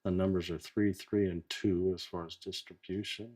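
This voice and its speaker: A man's voice: sits low, flat delivery, normal speed, darkish tone, slightly rough. A man hosting a live online session, thinking aloud in casual chat as he clicks through settings. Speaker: host running a live software test.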